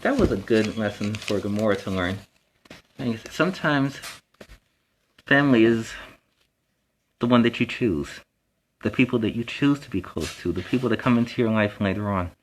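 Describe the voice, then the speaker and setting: A man's voice: on the low side, animated, moderate pace, pauses often, slight background noise, lightly acted, rough recording. A man playing a friendly young superhero who reads a children's storybook and chats earnestly with encouraging asides. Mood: reflective, chatty. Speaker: storytime host and reader.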